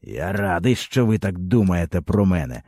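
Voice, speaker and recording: A man's voice: deep voice, very animated, normal speed, darkish tone, dry recording. A man voicing a harsh young rebel commander who speaks coldly and menacingly in an audiobook. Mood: stern cold. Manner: stern, menacing.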